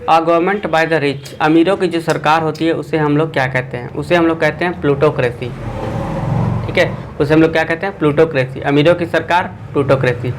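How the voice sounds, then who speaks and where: A man's voice: fairly high pitch, steady tone, a little fast, noisy background. Man teaching an online exam class. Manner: quizzing viewers with a repeated filler.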